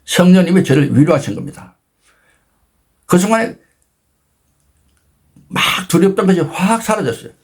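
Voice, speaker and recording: A man in his sixties hosting his own channel, retelling a personal story with dramatic emphasis and sudden jumps in pitch. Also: lively intonation, normal speed, pauses often, darkish tone, husky. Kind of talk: animated storytelling talk.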